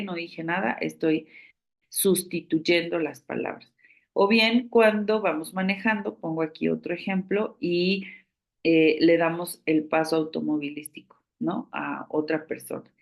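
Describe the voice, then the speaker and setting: A woman instructor gives a training lecture in a measured, explanatory way, often pausing to search for words. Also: deep voice, creaky.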